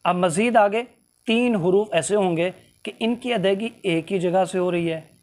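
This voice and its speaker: A man teaching a tajweed lesson, explaining slowly and drawing out letter sounds to demonstrate them. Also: high-pitched. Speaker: Quran recitation teacher.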